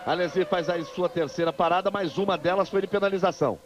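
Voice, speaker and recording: A man's voice: sits high, quick pace. A Brazilian man commentating live on a motor race, emphatic and repeating positions and phrases. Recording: dull, noisy old TV broadcast.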